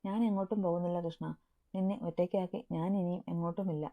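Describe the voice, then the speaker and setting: A woman's voice: fairly low pitch, fairly even intonation, fast, lightly acted. A woman voicing a loving, teasing young husband in a storybook reading, with a narrow phone-like sound. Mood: anxious. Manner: tender, teasing.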